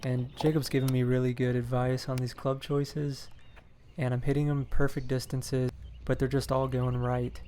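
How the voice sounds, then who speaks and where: Young man, golfer voice-over, even and monotone, mellow tone, faint hiss behind. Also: mid-range voice, moderate pace. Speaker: scratch golfer. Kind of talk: voice-over recapping his golf shots.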